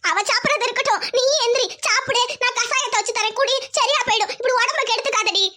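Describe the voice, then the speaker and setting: A woman's voice: very high voice, fast, pushed and bright. A woman voicing a bossy, scolding old village grandmother in a cartoon. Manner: scolding, nagging. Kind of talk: cartoon voice acting.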